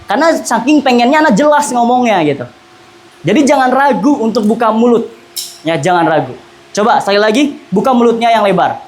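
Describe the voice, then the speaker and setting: A woman's voice: a little high, expressive, brisk, darkish tone. A woman with an Indonesian accent teaching a public speaking class, modelling articulation and intonation and having students repeat. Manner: coaching, demonstrates example phrases and has the class repeat.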